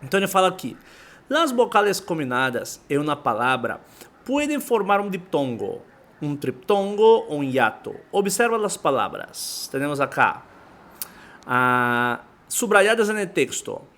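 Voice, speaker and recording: A man's voice: a little high, big pitch swings, unhurried, fairly bright tone. A man with a Brazilian Portuguese accent, a native Portuguese speaker, teaching a Spanish lesson, reading from a textbook and explaining it while switching between the two languages. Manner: mixes languages, reads aloud then explains.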